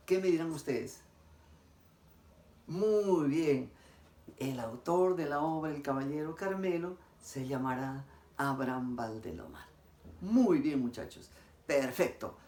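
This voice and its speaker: A man's voice: on the high side, expressive, slow, a little mellow, far from the mic. A man teaching a recorded lesson, asking his class questions and answering them himself with praise. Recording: roomy echo, voice away from the mic.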